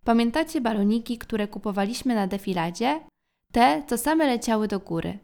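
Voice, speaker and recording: A woman's voice: on the high side, expressive, normal speed, darkish tone. A woman voicing a sheepish eldest son in a storybook, confessing and explaining. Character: sheepish eldest boy of a family.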